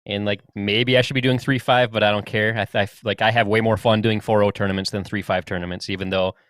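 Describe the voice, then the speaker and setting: A man's voice: fairly low pitch, little pitch movement, quick pace, a bit bright, clear, resonant tone, no room sound, studio quality. A man co-hosting a podcast in an easygoing way, laughing at himself. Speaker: podcast co-host. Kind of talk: casual interview chat.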